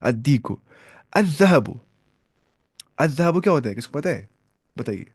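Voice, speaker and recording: A man teaching a beginners' Arabic class, asking his students questions and repeating each word slowly. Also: mid-range voice, sing-song, darkish tone, slightly rough, no echo, studio quality. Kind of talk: classroom lesson.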